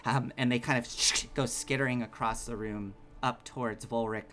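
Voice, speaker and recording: A man's voice: mid-range voice, steady tone, moderate pace, fairly bright tone. A man narrating as game master of a tabletop game, chatty and full of ums and restarts.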